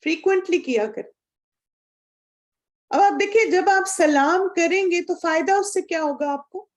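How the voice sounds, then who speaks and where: A woman with a high voice teaching a religious lesson. She talks earnestly and instructively, puts questions to her listeners, and slips English words into her speech. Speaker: Quran course teacher.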